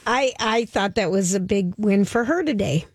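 A woman's voice: medium pitch, normal speed, dry recording, studio quality. A woman hosting a radio talk show with casual chat and hand-offs to colleagues.

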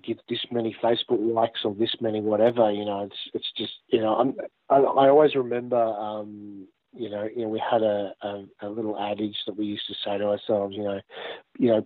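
A man being interviewed over a remote call, chatting casually and reflectively in a halting way with many filler phrases. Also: on the low side, no room sound, narrow, tinny audio. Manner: halting, repeats "you know". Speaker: interview guest, musician.

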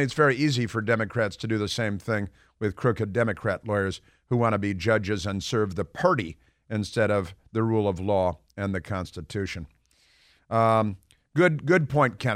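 A man's voice: lowish voice, normal speed, a bit bright, dry recording. A man with an American accent hosting opinionated political talk radio, speaking in emphatic phrases on a close studio microphone.

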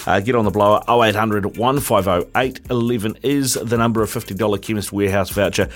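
A man's voice: on the low side, quick pace. A New Zealand man hosting sports talkback, chatting casually and colloquially in a matey way on a studio mic. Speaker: sports talkback radio host. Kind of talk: casual live radio chat. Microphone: radio studio mic.

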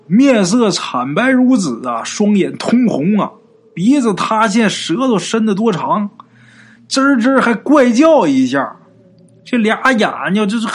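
A man's voice: high-pitched, slightly rough, voice pushed up, heavily acted. A man voicing a boastful middle-aged village man who talks in a coarse, folksy way. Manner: coarse, swaggering folksy talk.

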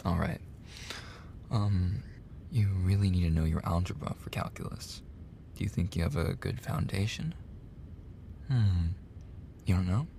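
Speaking softly and low with a pronounced creak, a man plays a teasing, laid-back college tutor for an ASMR roleplay. He takes his time, pausing in a casual, flirty way and slipping into whispers; the tone stays friendly and relaxed, with a little noise behind him.

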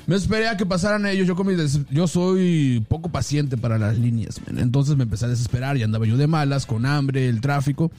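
A man's voice: mid-range voice, a little fast, few pauses, a little mellow, faint music behind. A man with a Mexican Spanish accent telling a story in casual, profane chat and acting out the dialogue.

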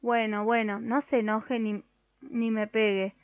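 A woman's voice: on the high side, flat delivery, measured pace, no echo, highs cut off. A woman voicing a timid, flustered male firefighter in a storybook, who speaks in fussy rhymes. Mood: placating. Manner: rhyming, fussy and easily scared.

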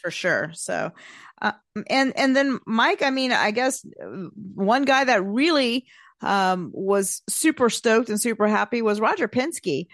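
A woman's voice: on the high side, expressive, a little slow, no echo, studio quality. A woman co-hosting a casual talk show, chatty and a little hesitant, often laughing between points. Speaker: podcast co-host. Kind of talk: casual chat.

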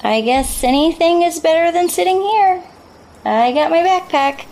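A woman's voice: very high voice, lively intonation, normal speed, heavy background noise. A woman voicing a bratty, squeamish teenage girl in a cartoon, with a valley-girl way of talking. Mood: whiny.

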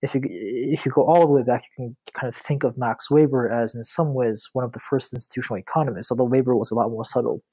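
A man's voice: mid-range voice, fairly even intonation, fast talker, hardly any pauses, mellow, breathy edge. A man from China, a law professor, answering interview questions in a thoughtful way with many fillers and restarts. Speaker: guest author, law professor.

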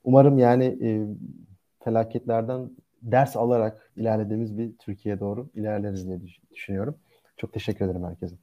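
A man's voice: on the low side, fairly even intonation, fast, warm tone, muffled recording. A man speaking as a guest in a casual discussion, explaining his points earnestly and in lists.

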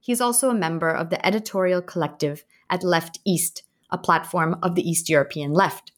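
A woman hosting an academic interview podcast, speaking in a measured, formal way. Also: on the low side. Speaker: podcast host.

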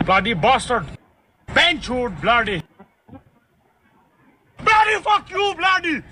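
A man voicing a shrill, furious caller who keeps swearing. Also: very animated, very slow, sharp tone, a little hiss or hum, heavily acted. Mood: shrill rage. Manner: shrieking, swearing.

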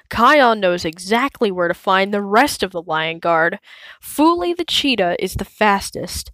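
Slow, measured woman reading a storybook. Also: medium pitch, a bit bright, no room sound. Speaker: storybook reader. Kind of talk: reading a children's storybook aloud.

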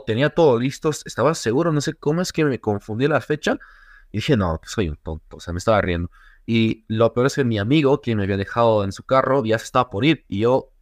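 Animated Bolivian man telling a story. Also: on the low side, no room sound, studio quality. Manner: animated storyteller, acts out quotes, laughs often. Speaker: guest, travel YouTuber. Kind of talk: casual podcast interview.

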